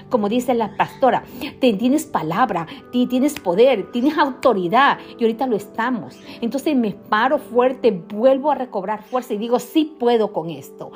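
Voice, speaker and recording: Woman preacher, middle-aged, fervent repeated declarations, warm slightly high voice. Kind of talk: sermon.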